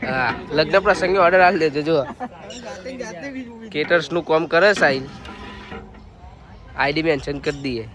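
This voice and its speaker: A man in a casual phone video, lively as he shows things off to the camera. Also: a little high, moderate pace, pauses often, crowd noise. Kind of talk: casual vlog chat. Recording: phone video with steady background noise.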